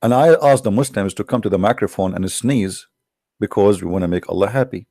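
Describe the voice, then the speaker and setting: A man's voice: on the low side, fairly quick, mellow, no echo, clean studio sound. A man hosting a livestream, talking in a sarcastic, mocking way. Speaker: online show host. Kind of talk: livestream commentary.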